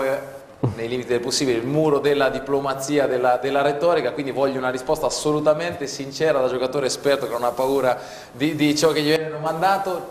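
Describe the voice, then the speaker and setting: A man hosting a studio sports interview, chatty, often finishing the guest's sentences, recorded in a TV studio. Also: mid-range voice. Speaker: sports show host. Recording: roomy studio with long echo, faint noise.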